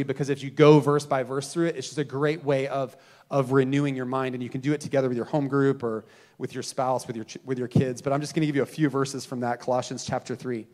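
Holding a handheld mic on the church stage, this thirty-something pastor delivers his sermon in a medium-pitched voice. His earnest delivery swells to emphatic moments, sinks back to quiet, and lingers on slowly stressed words.

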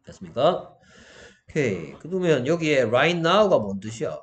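A man with a mid-range, sing-song voice takes his time explaining English grammar. His lesson moves step by step, with frequent questions to students to make sure they're following.

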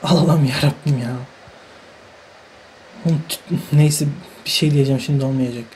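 A man talks through his own football video game as he plays, grumbling and often repeating himself in frustration. His voice sits a little high but sounds dark and mellow. A faint hum of ambience stays behind him. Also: fairly even intonation, moderate pace, rough recording. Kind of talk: live gameplay commentary.

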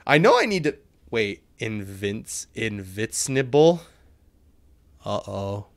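A man's voice: lowish voice, sing-song, takes it slowly, gravelly, no echo. A young man streaming a game live from home, chatting casually, swearing and laughing as he reads out the game's text. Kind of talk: casual live-stream commentary while playing.

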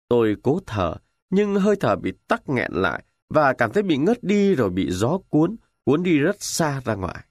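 A man narrating a war novel in the first person with dramatic, expressive delivery. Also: mid-range voice, no room sound, clean studio sound. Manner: expressive, emotional storytelling. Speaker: audiobook narrator.

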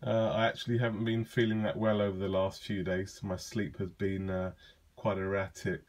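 A man casually demonstrating a voice assistant, talking in a relaxed, chatty way with lots of ums and uhs. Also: deep voice, normal speed. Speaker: tech vlogger demonstrating a device. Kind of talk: casual spoken demo.

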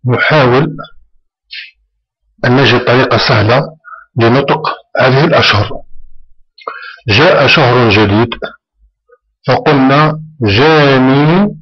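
A man with an Algerian Arabic accent teaching a school English lesson, slowly repeating and stretching out words for pupils. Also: mid-range voice, slightly rough, highs cut off. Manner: slow, drawn-out repetition of words for pupils. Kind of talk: lesson for first-year middle school.

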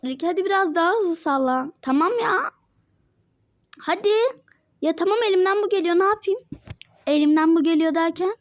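A woman's voice: very high voice, no room sound, studio quality. A young female player doing casual, playful role-play chat in a mobile game. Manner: chatty, playful, quick back-and-forth. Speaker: Toca Life roleplay player voicing Mike.

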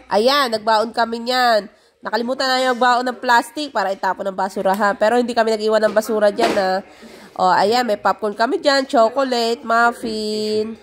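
Filipina mom narrating her picnic vlog, chatty, lots of "ay" and "o", kinda high voice. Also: a little hiss or hum. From Philippines. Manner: chatty, exclamatory, lots of "ay" and "o, tingnan nyo". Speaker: vlogger narrating family picnic video. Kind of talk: casual vlog voice-over.

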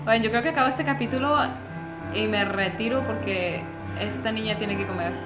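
A woman's voice: medium pitch, brisk. A young woman commenting casually on a game, switching between English and Spanish with a joking manner. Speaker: gaming streamer. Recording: roomy sound with game music behind.

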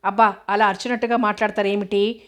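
A woman's voice: mid-range voice, level tone, fast talker, lightly acted. A woman narrator voicing a playful, teasing young woman in an audiobook, coaxing and pouting.

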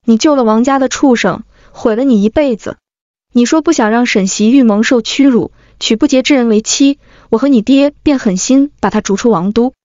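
A gentle, grieving middle-aged mother, voiced by a woman narrator talks softly and tenderly. Her voice sits slightly high. The recording is dry and a bit dull. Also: normal speed, no echo, lightly acted. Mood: tender sorrow.

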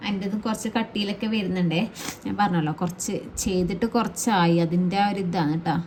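Fast-talking woman teaching fabric painting. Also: fairly low pitch, a little mellow, a little hiss or hum. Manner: chatty, reassuring, adds tag words to sentences. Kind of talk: casual how-to tutorial.

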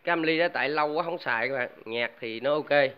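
A man talks casually and at length to his viewers, full of fillers and repeated words. His voice sits a little high for a man. The sound is dull and lo-fi, like a home recording. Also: fast talker, clear, resonant tone. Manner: rambling, many fillers and restarts, addresses viewers constantly. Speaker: DIY audio vlogger. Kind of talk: casual chat to camera.

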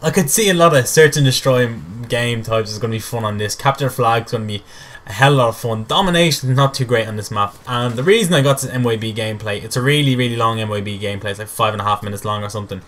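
Fast-talking young gameplay commentator. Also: male voice, medium pitch. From Ireland. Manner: rambling, excitable, self-mocking. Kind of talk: game commentary voice-over.

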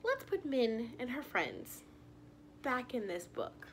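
Reading a children's picture book aloud at home in the living room, a young woman is expressive and directly asks her little listeners questions. Her voice is on the high side and very animated, and she takes it slowly. There's a little hiss or hum.

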